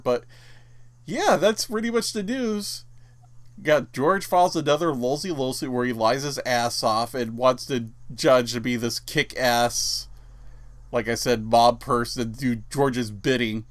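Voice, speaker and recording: Young guy vlogging, snarky and rambly, lots of likes and you knows, mid-pitched voice. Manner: mocking, rambling with many fillers. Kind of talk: casual commentary.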